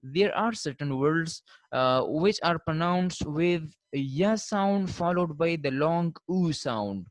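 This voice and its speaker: Slow careful lecturer, says each word twice, keeps checking with "fine", dry close sound. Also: medium pitch, lively intonation, no room sound. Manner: repeats each word twice to contrast pronunciations; ends points with a checking "fine". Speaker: linguistics lecturer. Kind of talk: classroom lecture on pronunciation.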